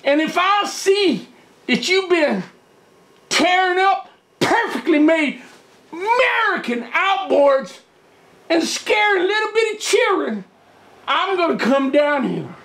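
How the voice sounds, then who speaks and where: A man voicing a boastful backwoods fisherman who hollers threats in a squeaky, drawn-out, cracking voice. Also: bright, forceful tone, a little hiss or hum, exaggerated voice. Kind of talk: comic character skit.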